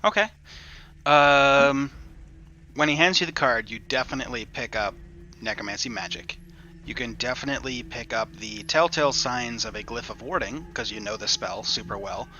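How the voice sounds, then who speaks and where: A man's voice: medium pitch, moderate pace, bright, forceful tone, dull audio, slight background noise. A man casually narrating a tabletop role-playing game as game master, describing scenes conversationally.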